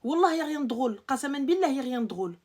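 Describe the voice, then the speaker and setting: A young woman on a live stream, scolding her viewers in an animated rant full of rhetorical questions, swinging from loud outbursts to low muttering. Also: very fast. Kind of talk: ranting live-stream monologue.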